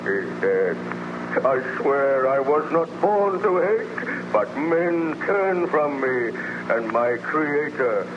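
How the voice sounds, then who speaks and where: Anguished dying monster, slow theatrical delivery, 1930s radio drama, noisy old recording. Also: male voice, a little high, big pitch swings, muffled recording. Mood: bitter. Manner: declamatory, solemn, theatrical, formal phrasing. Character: bitter, anguished man-made monster, dying and lonely.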